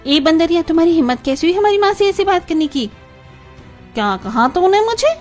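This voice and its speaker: Woman doing high emotional young daughters. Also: moderate pace, dark tone, faint music behind, natural voice. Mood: angry. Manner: pleading, tearful and heated by turns. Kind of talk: animated story dialogue.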